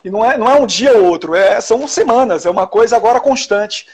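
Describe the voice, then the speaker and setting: Fast and expressive, this man's high voice has a slightly rough texture. He is a journalist from Salvador, Bahia, telling stories in Bahian Portuguese during a casual interview, with many restarts and tag questions.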